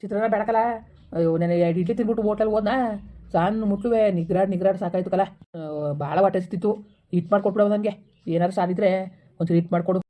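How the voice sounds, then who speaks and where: A cranky old village grandfather, as a woman puts him on, grumbling and scolding in a rapid, rattling patter. His voice sits dark and mellow, with a mid-range pitch. It suits a rustic comedy skit. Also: steady tone, natural voice. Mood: pleading.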